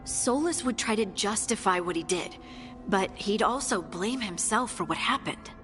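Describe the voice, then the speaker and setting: A thoughtful companion , voiced by a woman, whose voice rises and falls a lot. She muses over events in a game scene with music clearly underneath. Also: medium pitch, lively intonation, normal speed, natural voice. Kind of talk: video game dialogue.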